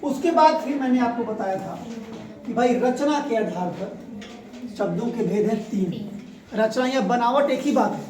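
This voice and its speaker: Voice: mid-range voice, unhurried, dark tone, a little hiss or hum. A teacher leading a grammar revision lesson, asking the class questions and repeating the key answers. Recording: echoey room, voice from far off.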